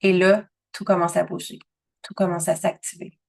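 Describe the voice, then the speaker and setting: A woman's voice: normal speed, creaky. Chatty Québécois woman coaching. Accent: Québécois French. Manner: chatty and animated, acts out her own thoughts in a higher voice. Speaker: abundance coach. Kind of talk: motivational coaching talk.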